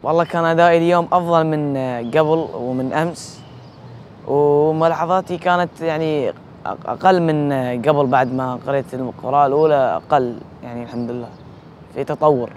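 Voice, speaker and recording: A man's voice: a little high, steady tone, faint music behind. A man, a contestant reciter, reflecting on his performance and the judges' notes. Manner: quick reflective self-assessment.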